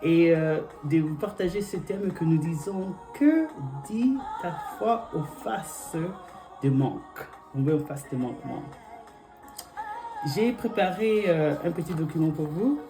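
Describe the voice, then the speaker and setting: A young adult man preaches as a pastor in French, his second language, with an English-speaking accent and a fairly high, lively voice. He speaks haltingly, with many fillers and repeated invocations as he prays and reads scripture, while music plays in the background of the church.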